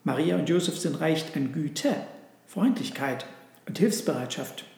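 Humble kind little donkey for a storybook reading, voiced by a man, earnest and eager, high-ish, roomy echo. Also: animated, measured pace, vocal fry, darkish tone.

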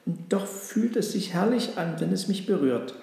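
Man doing a wary scolding cat, storybook, slightly high voice, heavy echo. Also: animated, unhurried, vocal fry, warm tone, heavily acted. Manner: suspicious, admonishing. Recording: very echoey room with long reverb.

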